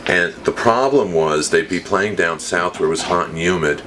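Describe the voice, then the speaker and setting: In a small, cluttered guitar shop, a man in his fifties talks at a normal speed in a low voice with a fairly bright tone. He explains things casually, like a dealer telling stories to a visitor. The noisy handheld recording comes from a camera mic a short distance away.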